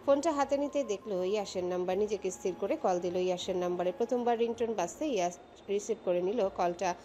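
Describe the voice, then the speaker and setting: A woman narrating a romantic audio story in a steady, expressive storytelling voice. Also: medium pitch, brisk, a little hiss or hum.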